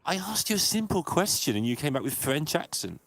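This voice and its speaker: A man's voice: fairly high pitch, very animated, a little fast, vocal fry, fairly bright tone, no echo. A man co-casting a live card game tournament with wry, self-deprecating jokes. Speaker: esports caster.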